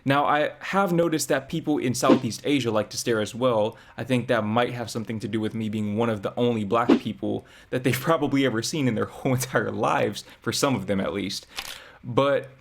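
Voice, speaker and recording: A man's voice: mid-range voice, vocal fry, slight background noise. Chatty American man reacting to clips. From United States. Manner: chatty, reflective, drawn-out emphasis. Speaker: reaction video host. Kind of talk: casual commentary.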